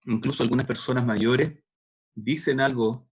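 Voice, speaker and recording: A middle-aged man lectures to university students in a loose, conversational way. His voice is husky and mid-pitched, and he stops often to work through examples. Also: fairly even intonation, moderate pace. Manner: conversational, explains with worked examples and hesitations. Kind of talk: recorded lecture on neuropsychology.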